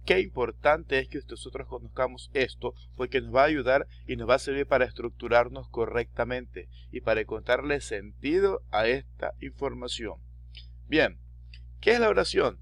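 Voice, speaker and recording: A male teacher with an Ecuadorian Spanish accent, giving a recorded distance-school language lesson, explaining slowly, repeating key terms and asking rhetorical questions. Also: medium pitch.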